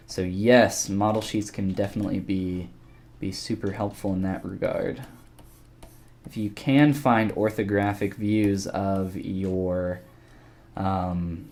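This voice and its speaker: A man giving a casual live-stream tutorial while he sculpts, relaxed and rambling as he thinks aloud and answers chat. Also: lowish voice.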